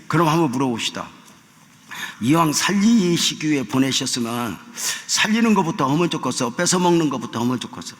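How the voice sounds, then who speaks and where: An older man, a senior pastor, preaching a sermon with stories, acting out the dialogue and swinging from hushed tones to shouting. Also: medium pitch. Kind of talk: sermon with storytelling. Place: large church sanctuary. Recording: long church hall reverb.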